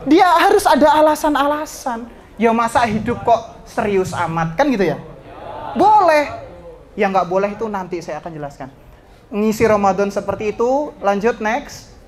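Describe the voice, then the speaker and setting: A man, an ustadz giving a lively religious talk to students, swinging between raised exhortation and soft joking asides. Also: sits high, normal speed.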